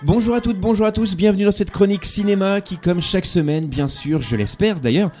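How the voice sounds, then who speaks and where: A man's voice: high voice, brisk, darkish tone, faint music behind. A man hosting a radio film review, chatty and upbeat, with frequent hesitations. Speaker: radio film columnist and host.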